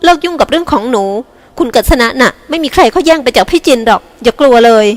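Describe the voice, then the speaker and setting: Woman doing a snappy bratty younger sister, high and sharp, big echoey hall sound. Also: lively intonation, fast, close to an everyday voice. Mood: resentful. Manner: snapping, resentful.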